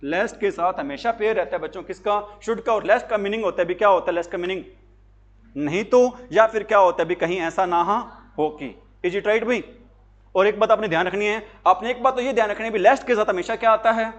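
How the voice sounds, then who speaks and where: A man's voice: high voice, brisk, muffled recording. A man teaching grammar for job exams, asking his class questions and answering them himself with repeated emphasis. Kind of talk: classroom lecture.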